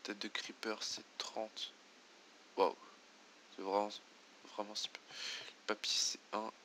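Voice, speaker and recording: A man's voice: fairly low pitch, level tone, takes it slowly, bright, forceful tone, slight background noise. A man doing let's play commentary, muttering to himself and reading game menus aloud. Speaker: gamer.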